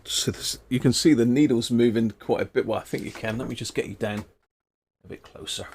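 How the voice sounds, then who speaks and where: A man hosts a live stream about radio gear, chatting casually and laughing at his own mistakes while his voice drifts nearer to and farther from the mic. He speaks a little fast in a mid-range, darkish voice with fairly even intonation, and there's slight hiss or hum.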